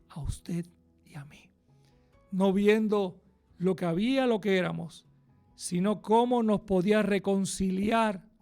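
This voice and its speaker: Male radio preacher, high gravelly voice, fervent, hush to loud. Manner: impassioned, swings from hushed to loud and fast. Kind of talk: radio sermon.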